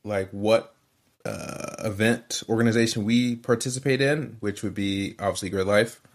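A man co-hosting a casual podcast, talking in a relaxed, hesitant way with lots of fillers. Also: on the low side, normal speed. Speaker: podcast co-host.

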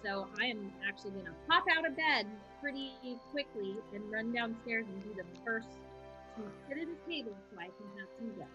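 Brief: female player, higher pitch, eager and casual, dull lo-fi mic with music behind. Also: animated, fairly quick. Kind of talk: casual in-character chat.

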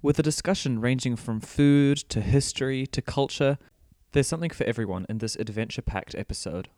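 A man's voice: medium pitch, brisk, a little mellow, dry recording, clean studio sound. A man giving an upbeat scripted introduction as podcast host.

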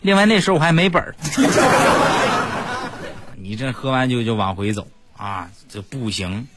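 A man's voice: mid-range voice, brisk, fairly bright tone. A man doing stand-up comedy, telling stories in a chatty, self-mocking way and talking straight to the audience.

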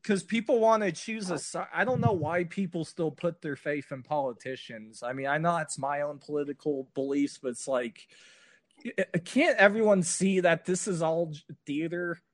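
A man hosting a podcast, talking casually in an animated, ranting way and swearing a lot. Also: a little high, normal speed. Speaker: podcast host.

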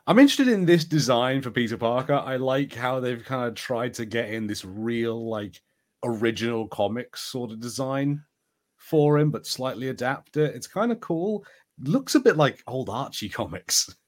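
A man co-hosts a podcast, chatting casually about pop culture. His medium-pitched voice is expressive and moves at a moderate pace.

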